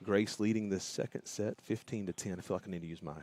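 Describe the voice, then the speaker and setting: A man doing play-by-play commentary for a school volleyball match, rising to shouts on big plays. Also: sits low, steady tone, fast. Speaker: play-by-play announcer. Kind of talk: sports commentary.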